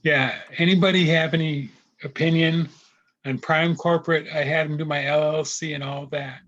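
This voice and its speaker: A man's voice: fairly high pitch, fairly even intonation, normal speed, a bit bright. A man asking a casual question as a participant on a group call. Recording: dull, band-limited online call.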